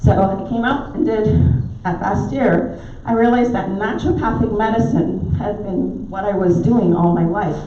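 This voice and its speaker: As guest speaker at a pub dining room club meeting, a middle-aged naturopathic doctor from Barbados tells warm stories with filler ums. Her medium-pitched voice keeps a normal speed with few pauses, and her Barbadian accent is softened by years in the US. There's slight background noise in the echoey, dull, distant recording.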